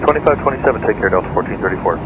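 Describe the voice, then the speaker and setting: A man working as an airline pilot, giving a brisk radio readback over a crackly cockpit radio with static bursts. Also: on the low side, animated. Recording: muffled, distant radio with loud noise.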